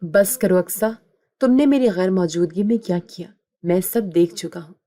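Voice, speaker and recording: A protective young husband confronts his family with firm, bitter indignation, as a woman narrator voices him. The voice stays mellow and close to her own pitch. He speaks with cold authority. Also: close to an everyday voice. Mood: indignant.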